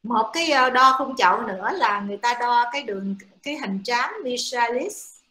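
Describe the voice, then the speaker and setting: A woman's voice: fairly high pitch, expressive, moderate pace, bright, forceful tone. A woman giving a classroom lecture to students, explaining step by step with many hesitant fillers. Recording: echoey room.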